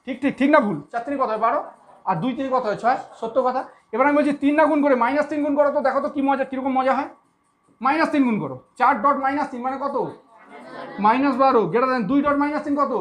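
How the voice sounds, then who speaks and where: Woman, math teacher, fast speech, somewhat high voice, repeats herself, checks understanding. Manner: repetitive, keeps checking understanding. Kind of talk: classroom math lesson.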